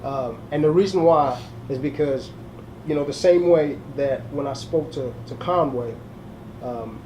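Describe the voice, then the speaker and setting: Chatty host in an echoey room. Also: male voice, a little high, background noise. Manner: friendly, chatty, rambling questions. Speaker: interviewer, host. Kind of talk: casual interview.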